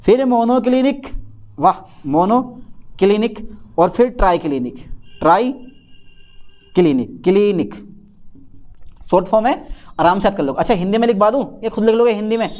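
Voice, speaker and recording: Male teacher, higher pitch, Hindi accent, jokey coaxing classroom lecturer. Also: brisk, a little mellow, muffled recording. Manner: chatty, playful, addresses students as beta and sahab. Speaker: chemistry teacher. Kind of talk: chalkboard lecture.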